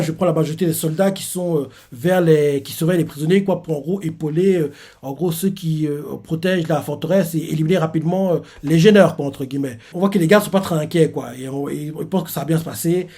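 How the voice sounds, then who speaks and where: Male manga reviewer, casual rambling recap; husky, slightly high voice. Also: fairly quick, mellow. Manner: rambling, loose, heavy on filler phrases.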